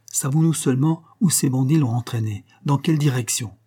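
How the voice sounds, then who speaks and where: A level-headed young Frenchman argues with calm persuasion, as a man reads him in an audiobook. The voice is husky and dark. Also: medium pitch, brisk, lightly acted. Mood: persuasive.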